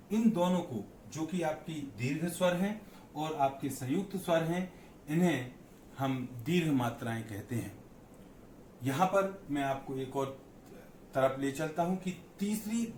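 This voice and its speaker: A man's voice: on the high side, a little mellow. A man teaching a lesson on Hindi vowels and signs, who repeats key terms and asks and answers his own questions. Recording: echoey room with faint background noise.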